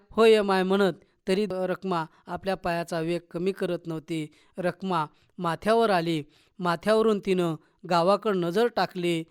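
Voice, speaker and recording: A man's voice: sits high, clean tone. A man who is a college principal, reading his own short story aloud on radio with dramatic expression.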